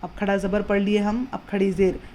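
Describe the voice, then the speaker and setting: A woman teaching Quran reading in a patient, explanatory way, repeating words slowly and drawing them out. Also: medium pitch, level tone, warm tone, slight background noise. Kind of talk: slow explanatory lesson.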